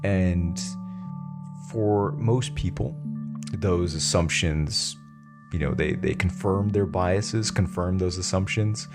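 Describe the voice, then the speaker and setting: Co-host, man, very deep and gravelly, hesitant and reflective, guitar music clearly behind. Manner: halting, thoughtful, many fillers. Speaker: podcast co-host. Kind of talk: casual podcast chat.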